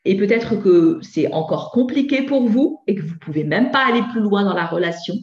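A woman's voice: medium pitch, animated, normal speed, darkish tone. A woman giving a public parenting talk on nonviolent communication, speaking conversationally with many fillers. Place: municipal conference hall. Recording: echoey hall, slightly dull sound.

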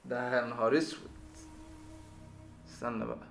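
A man with an Egyptian Arabic accent giving excitable live game commentary, with shouted exclamations and stammered repeats. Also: mid-range voice, moderate pace, creaky, roomy sound, faint music behind. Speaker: gaming video host.

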